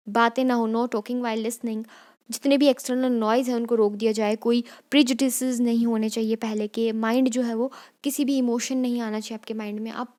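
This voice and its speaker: A woman's voice: a little high, warm tone. A young woman from Himachal Pradesh giving an exam-prep lecture, explaining step by step and often checking in with "theek hai". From Kangra district, Himachal Pradesh, India. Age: young adult. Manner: explanatory, repeats "theek hai" often, mixes Hindi and English. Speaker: teacher.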